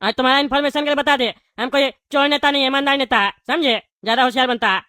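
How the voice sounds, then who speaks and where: Woman as bald cartoon politician man: boastful, cowardly, quick and shrill, dry sound. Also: pushed and bright, dry recording. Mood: blustering. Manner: whiny, blustering then grovelling. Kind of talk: cartoon voice acting.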